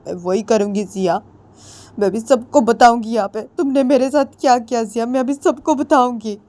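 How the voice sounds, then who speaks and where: A woman's voice: mid-range voice, mellow, pitched above the performer's own voice, close to an everyday voice. A woman storyteller voicing a hurt, defiant young woman who speaks in an accusing, indignant way.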